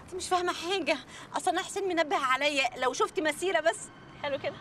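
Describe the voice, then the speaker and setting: A woman's voice: very high-pitched, very fast, a little hiss or hum. An actress playing a nervous, stammering female friend at a street protest, speaking with an Egyptian Arabic accent. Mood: anxious. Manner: anxious, stammering. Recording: distant voice, loud music and crowd.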